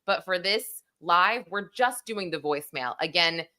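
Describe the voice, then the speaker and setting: A woman's voice: lowish voice, animated, measured pace, pushed and bright. A woman co-hosting a live analysis show, talking in a chatty, conversational way. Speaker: co-host.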